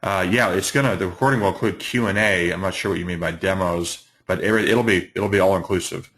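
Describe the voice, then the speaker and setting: A middle-aged trading educator hosts a live webinar presentation in a very deep voice that is slightly hoarse from allergies yet a bit bright. He speaks haltingly, full of fillers and restarts.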